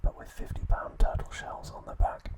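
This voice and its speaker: An ASMR channel host narrates a script in a breathy, unvoiced whisper, his delivery measured and soothing.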